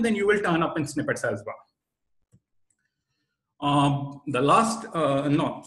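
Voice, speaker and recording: Higher-voiced Indian man presenting, echoey room. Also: fairly bright tone. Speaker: webinar presenter, SEO expert. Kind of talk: explanatory webinar presentation. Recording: roomy, echoey sound.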